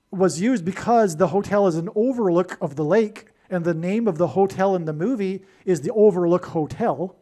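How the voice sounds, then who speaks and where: A man's voice: sits high, darkish tone. A man delivering a rambling solo monologue, full of digressions and restarts. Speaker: prophecy video host.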